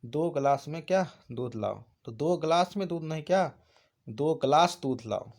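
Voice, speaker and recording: Man, teacher, exam prep lesson, fairly high pitch, asks and answers his own questions. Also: animated, moderate pace, vocal fry, darkish tone. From India. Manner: explaining, asks questions and answers them himself.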